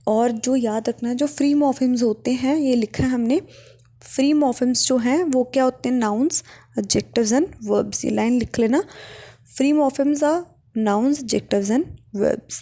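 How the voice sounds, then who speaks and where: Woman teacher, mellow voice, fairly high, explains step by step, keeps asking if it's clear. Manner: explains step by step, checks understanding with frequent rhetorical questions; slows right down to dictate English definitions. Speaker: English linguistics teacher. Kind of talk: classroom lecture.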